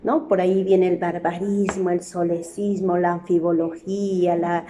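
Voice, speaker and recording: A woman's voice: on the low side, little pitch movement, a little slow, dark tone, a little hiss or hum. A woman teacher giving a spoken grammar lesson, explaining patiently and tagging nearly every phrase with a questioning "no?".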